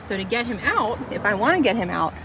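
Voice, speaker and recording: A woman in her thirties, a dog trainer, talking calmly and upbeat to a phone camera from a car. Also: mid-range voice, fast. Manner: calm, upbeat, explanatory. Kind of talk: casual instructional vlog. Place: inside a parked car, then outdoors on a street. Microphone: phone camera held at arm's length. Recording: noisy car and street ambience.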